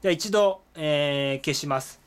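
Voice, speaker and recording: A man's voice: on the high side, normal speed, a little hiss or hum. A man explaining words step by step in a whiteboard language lesson, with many fillers. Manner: lively, explanatory, with frequent "eh" fillers. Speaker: Korean language teacher.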